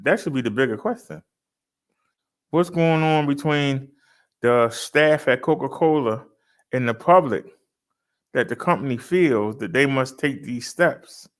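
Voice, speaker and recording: A man's voice: mid-range voice, unhurried, pauses often. Exasperated fifty-year-old man ranting. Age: 50s. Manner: exasperated, argumentative, repeats points. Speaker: vlogger. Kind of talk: casual ranting monologue.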